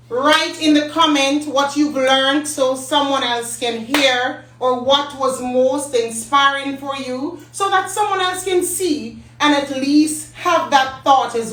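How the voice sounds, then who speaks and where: Woman host of a live stream, slow unhurried delivery, teasing and laughing, roomy echo. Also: high-pitched, fairly bright tone. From Jamaica. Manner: playful and teasing, laughs often. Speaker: host and company CEO. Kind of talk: casual live-stream giveaway. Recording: echoey room, mic at a distance.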